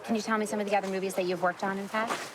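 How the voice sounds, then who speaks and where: A woman interviewing someone on set with quick, direct questions. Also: medium pitch, steady tone, noisy background.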